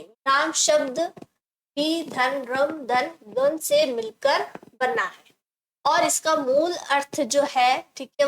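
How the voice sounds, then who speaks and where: A woman's voice: sits high, a bit bright, a little hiss or hum, low-quality recording. A woman teacher explaining a grammar lesson step by step, asking the class questions and answering them herself. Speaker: Hindi teacher.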